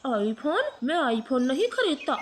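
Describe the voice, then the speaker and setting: A woman voicing a gruff male shopkeeper bird in a cartoon, dropping her voice low to brush off a customer. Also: very animated, takes it slowly, slight background noise, exaggerated voice. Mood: dismissive. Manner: dismissive, gruff.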